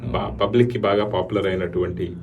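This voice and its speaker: A radio jockey interviewer fires off his questions in a brisk manner and drops short acknowledgments in between. He speaks fast in a low voice. He sounds distant from the mic, with faint ambience around him. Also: steady tone, narrow, tinny audio, slight background noise.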